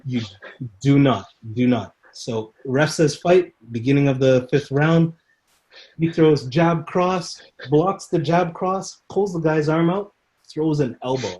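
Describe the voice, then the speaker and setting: A man, a Muay Thai instructor, telling stories in a casual podcast interview and acting out the people he quotes. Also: fairly high pitch. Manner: animated storyteller who acts out quoted people and laughs often.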